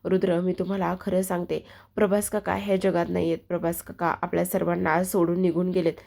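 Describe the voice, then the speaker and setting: A woman's voice: on the low side, level tone, a little fast, gravelly, a little mellow. A woman voicing a grieving young married woman who pleads and repeats herself as she tells the family urgent news. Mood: pleading.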